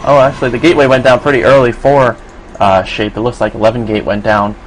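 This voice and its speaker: A man with a New York accent giving relaxed, filler-heavy solo play-by-play commentary on a strategy game. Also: mid-range voice, quick pace, a little hiss or hum, low-quality recording. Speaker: esports commentator.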